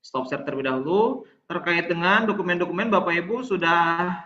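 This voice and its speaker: A man's voice: high voice, fairly quick, highs cut off. A man teaching a training class over a video call, chatty and often addressing his audience directly. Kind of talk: online training lecture.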